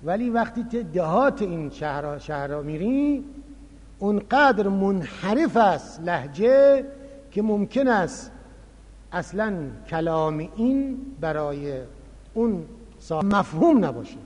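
A man delivers a religious lecture in a fairly high voice. He explains his points with animated emphasis. The recording has a long hall reverb behind him. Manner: explanatory, animated, acts out quoted dialogue. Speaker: lecturer on Quran recitation.

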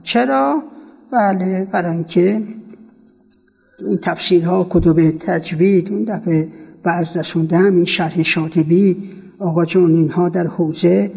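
High gravelly man teaching in a hall. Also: a little mellow. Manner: quizzes students with quick questions and repeats forms for them. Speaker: seminary teacher. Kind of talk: classroom lecture on Arabic grammar. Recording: long reverb from a hall.

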